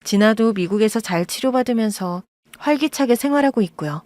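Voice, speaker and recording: A woman calmly narrating a first-person family story in a measured storytelling voice. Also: on the high side, no echo.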